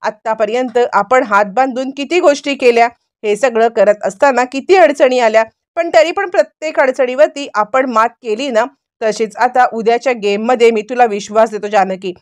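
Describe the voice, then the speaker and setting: A woman's voice: fairly high pitch, moderate pace, natural voice. A woman voicing an affectionate, teasing young husband in a retold TV story, barely changing her voice. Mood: coaxing.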